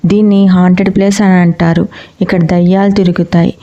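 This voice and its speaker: A woman voicing an eerie old ghostly man who calmly gives ominous warnings, in a dull lo-fi recording. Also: on the low side, fairly quick, natural voice.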